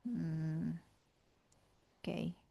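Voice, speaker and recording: A woman's voice: low voice, completely flat delivery, vocal fry, dark tone, husky, no room sound. A young woman casually explaining a university lesson, chatty, with lots of tag fillers. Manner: chatty, frequent tag fillers, slowly acts out example phrases. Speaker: university student presenter.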